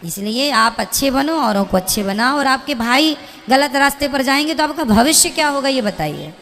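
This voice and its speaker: A woman's voice: high voice, expressive, moderate pace, fairly bright tone. A woman preacher lecturing a listener with pointed rhetorical questions, speaking plainly and morally. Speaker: spiritual preacher. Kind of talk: preaching to an audience member. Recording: long hall reverb.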